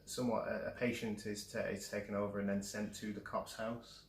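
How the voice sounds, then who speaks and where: A man's voice: lowish voice, level tone, a little fast. A man hosting a casual movie review chat, talking hesitantly with frequent restarts. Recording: roomy echo.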